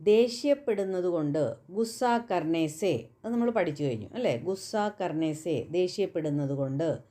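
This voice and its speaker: Slow, mellow-voiced woman teaching Hindi. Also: lowish voice, lively intonation. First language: Malayalam. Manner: slow, careful repetition of example phrases. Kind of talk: spoken language lesson.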